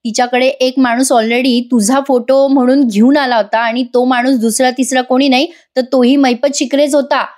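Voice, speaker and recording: A woman voicing an angry husband who speaks in sharp, commanding orders. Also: high voice, steady tone, moderate pace, few pauses, close to an everyday voice. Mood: stern.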